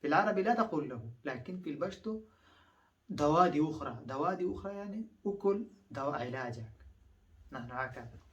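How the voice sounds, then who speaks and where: A man's voice: on the high side, expressive, brisk, far from the mic, muffled recording. Man teaching phrases, mic set back. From Afghanistan. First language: Pashto. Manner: repeats each phrase several times, explains patiently with many fillers. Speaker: language teacher. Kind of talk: phrase-by-phrase language lesson.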